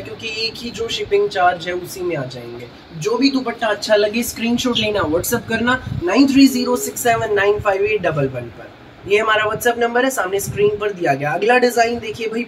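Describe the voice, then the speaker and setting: A man gives an eager, repetitive teleshopping-style sales pitch, showing products to viewers of his channel. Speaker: shop seller presenting products on own video channel. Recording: noisy, distant microphone.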